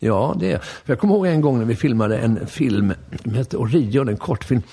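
Older man, gravelly husky voice. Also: mid-range voice. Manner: animated storyteller, acts out remembered dialogue. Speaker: actor, interview guest. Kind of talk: casual interview conversation.

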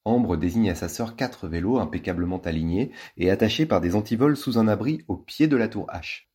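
A man reads a children's novel aloud with playful, lively expression. His voice is on the low side and slightly husky. His pitch moves widely as he tells the story. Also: a little fast. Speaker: storybook reader.

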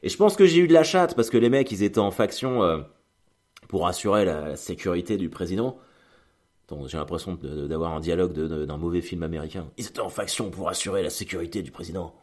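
A man with a very low voice tells a story in a loose, conversational way. He rambles, stops and restarts often, and acts out the other people's lines as he goes. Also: fairly quick, a little mellow. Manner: chatty, rambling, with many fillers and restarts, acts out dialogue. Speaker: performer telling a story. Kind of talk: casual storytelling monologue.

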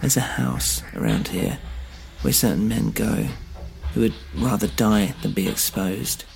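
A man's voice: on the low side, sing-song, a little slow, creaky, darkish tone, full character voice. A man voicing a stern, guarded woman with a thick Polish accent who speaks in terse, grave warnings.

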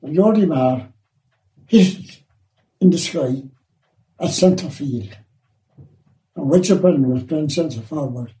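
An older man with a Kilkenny accent telling an animated story in an oral history interview. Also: a little high, slow, long pauses. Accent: Irish, Kilkenny. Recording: echoey room, distant mic.

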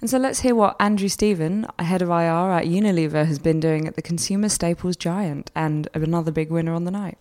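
Somewhat gravelly-voiced woman podcast host. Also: lowish voice, a little fast, hardly any pauses, darkish tone. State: slightly tired. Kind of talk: conversational magazine podcast presenting.

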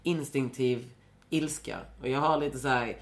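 A young woman in casual chat as a podcast guest, rambling with many fillers and swearing freely. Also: very deep voice.

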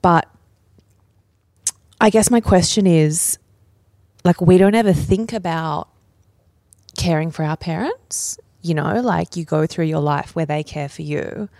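A woman hosting a podcast, asking her guest gentle, earnest questions. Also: lowish voice, a little slow, long pauses, dry recording, clean studio sound. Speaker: podcast host. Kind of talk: interview.

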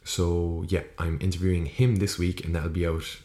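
An Irish man with a very low voice talks solo as a podcast host. His intonation stays flat while he rambles casually, corrects himself and swears offhand. The room around him sounds echoey, with poor acoustics. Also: moderate pace. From Ireland. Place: small room, indoors. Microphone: USB podcast microphone.

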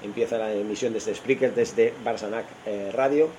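An online radio stream carries a man from Spain, with a Spanish accent, offering off-the-cuff football commentary that's informal and opinionated as he thinks aloud and corrects himself. He speaks at normal speed in a fairly low, steady voice, with background noise present.

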